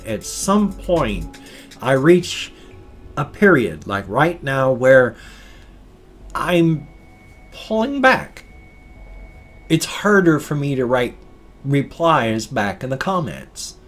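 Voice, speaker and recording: An older man giving a casual personal monologue as a vlogger, halting and correcting his words, his speech slightly slurred by ill-fitting dentures. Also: mid-range voice, very animated, faint music behind.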